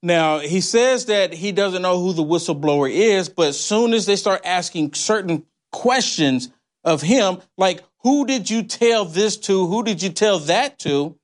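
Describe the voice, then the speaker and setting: A male talk radio host with a noticeably high-pitched voice delivers opinionated, conspiracy-tinged commentary. He sounds incredulous, piling up rhetorical questions in an animated way while keeping a measured pace.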